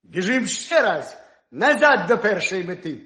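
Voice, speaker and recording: A man voicing a proud, hot-tempered male hare in a folk tale, shouting in excited indignation. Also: high voice, a little slow, echoey room, heavily acted. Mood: indignant.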